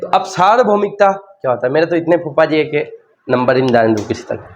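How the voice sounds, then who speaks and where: A man's voice: fairly high pitch, animated, quick pace, highs cut off, a little hiss or hum. A man with a Hindi accent teaching a sociology class, repeating key terms and asking and answering his own questions. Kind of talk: classroom lecture.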